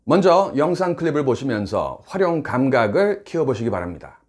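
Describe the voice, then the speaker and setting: A middle-aged man who teaches English, explaining phrases clearly and with emphasis in a scripted lesson. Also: mid-range voice, big pitch swings, a little fast, a little mellow.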